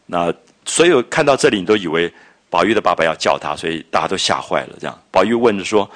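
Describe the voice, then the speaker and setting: A man lecturing on a classic novel, retelling scenes and explaining old phrases in a chatty, lively way. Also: sits low, fast talker. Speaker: literature lecturer. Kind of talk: storytelling literature lecture.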